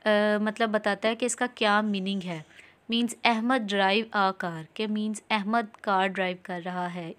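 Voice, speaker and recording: A woman with a Pakistani accent giving an exam-prep lesson, reading English lines slowly and explaining them in mixed Urdu and English. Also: medium pitch, a bit bright. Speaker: teacher.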